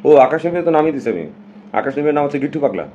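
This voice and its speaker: A man's voice: fairly high pitch, animated, very fast, warm tone, highs cut off, slight background noise. A man from Bangladesh, talking casually and emphatically to his viewers on a live stream and slipping English phrases in.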